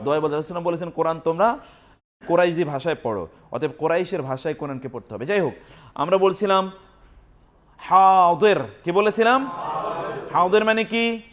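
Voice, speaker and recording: A man's voice: high-pitched, brisk, pauses often, a bit bright. A man teaching Arabic grammar to a class, with a Bangladeshi Bengali accent, quizzing his students and drilling words aloud with them.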